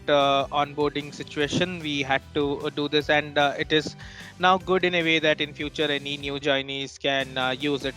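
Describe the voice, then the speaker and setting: A man from India talking about his work in a casual team meeting, with many pauses and fillers. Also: fairly high pitch, fairly bright tone. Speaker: team member.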